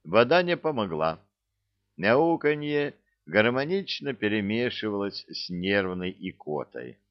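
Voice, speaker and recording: A man reading a fairy-tale story aloud in an unhurried, expressive way, doing voices for the characters. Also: on the low side. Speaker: narrator. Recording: dull lo-fi recording.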